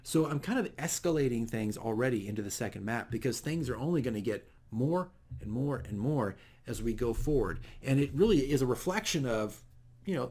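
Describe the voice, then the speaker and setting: This is a relaxed, off-the-cuff game session recap from a man acting as dungeon master in his video diary. He explains things in a meandering, self-correcting way, his medium-pitched voice a little mellow.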